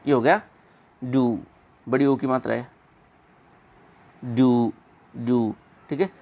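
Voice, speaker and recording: A man teaching an exam-prep English pronunciation lesson, repeating words slowly and drawn out. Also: mid-range voice, a little mellow.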